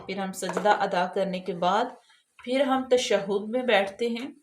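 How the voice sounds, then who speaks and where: A woman's voice: medium pitch, noisy background. A woman teaching correct prayer recitation, explaining each letter patiently and drawing out the words she demonstrates. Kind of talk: tajweed lesson, slow drawn-out recitation of examples.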